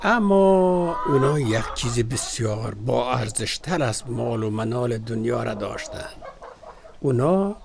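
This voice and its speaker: A man's voice: mid-range voice, lively intonation, creaky, noisy background. A man with an Afghan Dari accent, acting in a radio drama as a devout husband who patiently explains matters of faith. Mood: earnest. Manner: earnest, explanatory.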